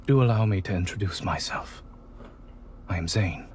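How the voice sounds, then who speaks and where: An actor playing a reserved, formal young noble bachelor in a game, speaking in stiff, old-fashioned phrasing with a refined accent. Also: male voice, low voice, normal speed, slight background noise, lightly acted. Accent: non-standard refined accent. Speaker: game character voice.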